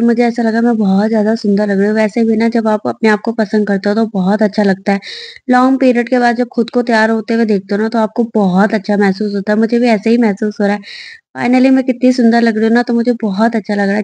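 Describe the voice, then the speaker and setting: Fast-chatting young woman vlogger. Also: a little high, a little mellow, no room sound. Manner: chatty, personal, fond of her baby. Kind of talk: casual vlog voice-over narration.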